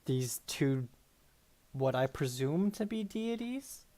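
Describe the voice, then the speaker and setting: A man's voice: fairly high pitch, very animated, takes it slowly, warm tone. A man chatting casually as a player in a tabletop fantasy game.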